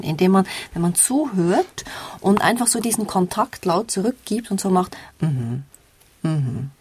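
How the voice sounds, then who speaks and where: A woman's voice: medium pitch, darkish tone, slight background noise. A woman presenting a book on a radio discussion, explaining things step by step and sometimes demonstrating sounds. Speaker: book reviewer guest.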